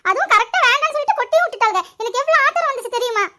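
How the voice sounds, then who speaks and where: A fast-talking, scolding cartoon mother, played by a woman, with a very high, bright, piercing voice. She rattles off complaints in a sharp, hot-tempered way. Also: expressive, heavily acted. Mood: complaining. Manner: scolding, rapid, shrill. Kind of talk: cartoon voice acting.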